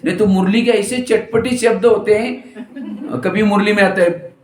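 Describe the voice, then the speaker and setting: Speaking unhurriedly in a high, darkish voice, this Indian man gives a spiritual discourse as a teacher. His storytelling is full of jokes and acted-out quotes, and the recording carries the echo of a large hall.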